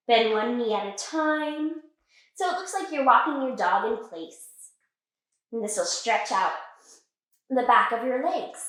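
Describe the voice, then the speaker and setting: A kids' yoga teacher with a fairly high, slightly bright voice leads a children's class in a playful, sing-song manner. She cues poses and makes animal sounds, heard from a distance in an echoey room.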